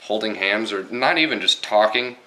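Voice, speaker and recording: A man's voice: lowish voice, lively intonation, normal speed, pushed and bright. A young man ranting casually to camera, exasperated and swearing a lot, with many fillers. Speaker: vlogger.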